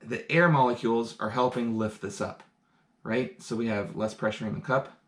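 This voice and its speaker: At a normal speed and with fairly even intonation, a man with a medium-pitched voice teaches science live from home. He's an enthusiastic talker, doing hands-on experiments indoors and explaining each step along the way.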